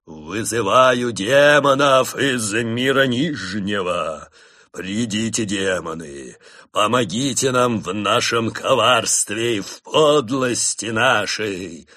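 Man doing a booming fanatical beast cultist chanting. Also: sharp tone, heavily acted. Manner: booming slow chanting of spells. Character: fanatical male beast cult brother summoning demons.

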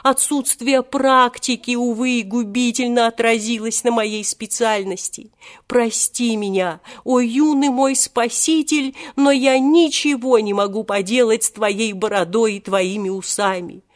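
A woman's voice: a little high, steady tone, unhurried, close to an everyday voice. A woman voicing an ancient male genie who is servile and flustered, wailing in a pompous tone.

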